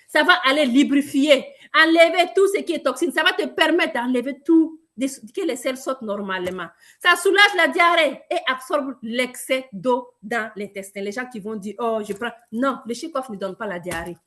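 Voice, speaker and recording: High-voiced, lively woman pitching a product. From Burkina Faso. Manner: lively, emphatic, addresses listeners directly. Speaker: product presenter. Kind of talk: sales training talk.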